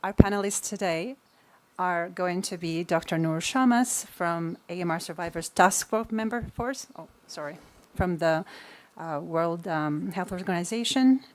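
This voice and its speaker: A host introducing a panel, hesitant with fillers and self-corrections. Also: male voice, sits high, a little slow. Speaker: event host.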